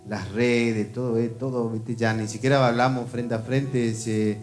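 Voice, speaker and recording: Chatty man over soft guitar. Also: medium pitch, level tone, a little slow. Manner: chatty, asks questions, repeats others' words. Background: guitar music.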